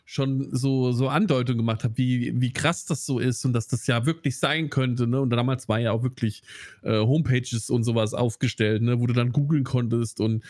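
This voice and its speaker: A man's voice: mid-range voice, steady tone, normal speed, darkish tone, dry recording. Rambling man, dry sound. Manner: rambling, many restarts and fillers. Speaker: podcast co-host. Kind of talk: casual film chat.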